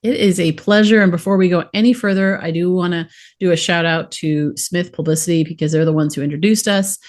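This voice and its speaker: A woman's voice: fairly low pitch, fairly even intonation, brisk, a little mellow. A woman hosting a podcast, introducing her guest and asking questions in an upbeat way. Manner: upbeat, enthusiastic. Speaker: podcast host. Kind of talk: scripted introduction then interview.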